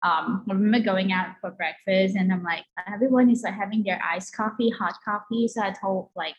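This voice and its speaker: A Malaysian woman with a mid-range voice talks briskly as a guest in an interview, where she's introduced as co-owner of a coffee company. She answers casually and chattily, dropping "like" often, and the rough recording has clear background noise.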